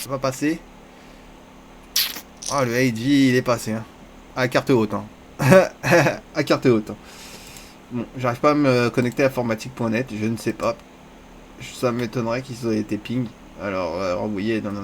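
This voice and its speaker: Playing online poker, a man keeps up a running commentary aimed at himself and his opponents, full of vulgar casual slang and punctuated by shrill squeals. A slight hiss or hum can be heard.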